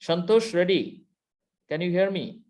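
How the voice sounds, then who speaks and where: This Bangladeshi-accented lecturer sits high in pitch with a darkish tone and talks a little slowly. Teaching his online university class over a video-call computer mic, he hesitates often, restarting sentences and filling gaps.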